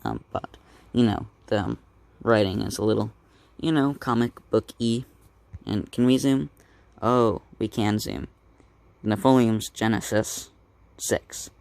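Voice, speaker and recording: A man reading a comic aloud in a casual way, halting often and correcting himself as he stumbles over words. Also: on the low side, creaky, darkish tone, no room sound. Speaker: comic book reader.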